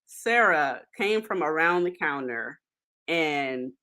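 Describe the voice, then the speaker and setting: Bright-voiced woman chatting casually. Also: low voice, animated, takes it slowly. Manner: chatty, many fillers and laughs. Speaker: podcast host. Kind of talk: casual solo podcast talk.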